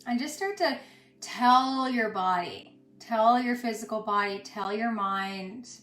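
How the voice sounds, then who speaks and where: A yoga instructor with a somewhat high, slightly bright voice leads a yoga and meditation class. She speaks soothingly in short phrases with pauses between them, while the room echoes noticeably and music plays underneath.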